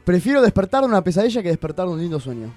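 A young man with an Argentine accent, joking in quick interjections during a casual chat. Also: high-pitched, big pitch swings, a little mellow, soft background music. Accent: Argentine Spanish.

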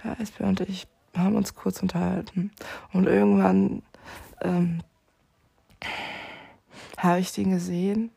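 A woman vlogger rambling in a drifting, dreamy way, thinking aloud and now and then dropping to a soft whisper. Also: mid-range voice, flat delivery, a little slow, gravelly, pauses often, breathy edge. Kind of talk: rambling casual monologue.

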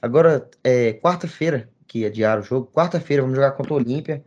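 A man's voice: mid-range voice, quick pace, a little mellow. A Brazilian man in casual football banter as a podcast co-host, speaking in slangy street talk, repetitive and insistent. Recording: dull lo-fi podcast audio.

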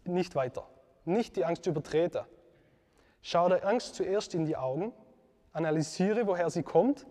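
A man gives a devotional teaching talk in a slightly high voice, earnest and reflective. He pauses with fillers and corrects himself as he goes. His voice rings with a long reverb. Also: lively intonation, dark tone.

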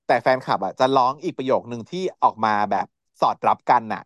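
A man's voice: medium pitch, fast talker, dry recording, studio quality. A man co-hosting a casual podcast chat, recapping a series with frequent laughs and acted-out quotes. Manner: animated, laughing often, acts out characters' lines. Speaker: podcast co-host.

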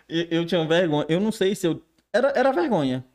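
A man, a teacher, chatting casually on a podcast in a quick, self-deprecating way. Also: on the high side, animated, darkish tone. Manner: fast-talking, self-deprecating. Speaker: teacher and new online creator.

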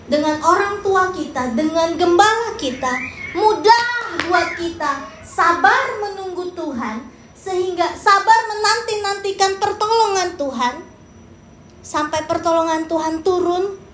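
High-voiced woman pastor preaching. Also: very echoey, a little hiss or hum, rough recording. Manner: animated preaching with acted-out quotes and questions to the congregation. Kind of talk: sermon.

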